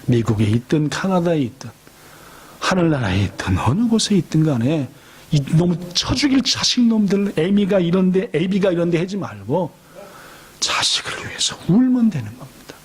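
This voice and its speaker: A middle-aged man preaching in a church, his voice sitting high and swinging widely as he acts out each character. The tone is husky and a little breathy, and his storytelling keeps a lively sermon energy. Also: normal speed. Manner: animated storytelling, acting out quoted voices. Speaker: pastor. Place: church sanctuary.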